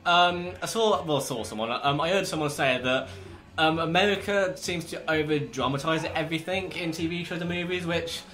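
A man's voice: a little high, moderate pace, fairly bright tone. A man with a British accent hosting a podcast, chatting casually, laughing often and restarting his sentences. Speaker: podcast host. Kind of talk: casual chat.

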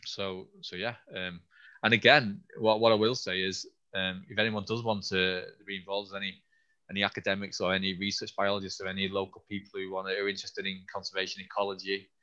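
Low flat-voiced man, slightly hoarse. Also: lo-fi sound. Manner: halting, with frequent restarts and fillers. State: losing his voice a little. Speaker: scientist and event host answering questions. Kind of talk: online Q&A. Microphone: video call.

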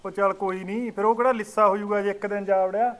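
A man acting as a grown son who argues with his mother, his voice high and his words quick. He takes his sister-in-law's side in a short-film drama. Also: fairly even intonation, natural voice. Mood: arguing. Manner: arguing, reasoning. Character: adult son defending his sister-in-law.

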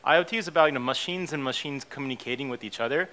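A man's voice: medium pitch, racing, bright, forceful tone. A man, giving a casual conference talk on stage, full of fillers and "okay?" and "right?" checks. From born in Japan, raised in the United States. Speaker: keynote speaker, company CEO. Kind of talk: conference presentation. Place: conference stage in a hotel hall.

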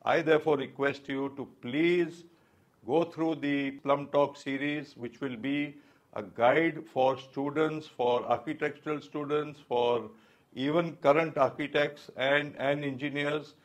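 A man's voice: on the high side, fairly even intonation, a little slow. An older man with an Indian English accent, formally introducing a plumbing lesson series in an earnest tone. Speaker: association official introducing the series. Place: studio, indoors.

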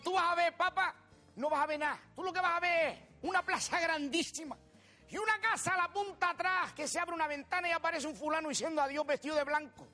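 Rustic old Canarian countryman, very high piercing voice, bright and sharp, brash and crude. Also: fast talker, soft background music. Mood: storytelling. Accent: Canarian Spanish. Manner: brash, shouting punchlines, swearing freely. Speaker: stand-up comedian. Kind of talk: character stand-up monologue. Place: TV studio stage before a live audience.

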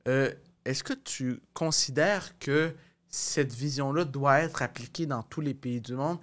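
In a small indoor podcast studio, a young man with a Québécois French accent leads a casual talk into a close studio microphone. He speaks at medium pitch, a little slowly, with a fairly bright tone, circling around his points and repeating and rewording as he hunts for the right phrasing.

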